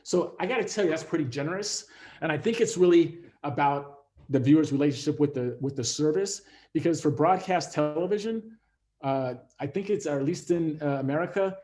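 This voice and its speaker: Relaxed, mellow-voiced man lecturing. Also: fairly high pitch, brisk. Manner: conversational, many fillers and restarts; acts out quoted voices. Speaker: instructor. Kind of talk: masterclass lecture on series writing.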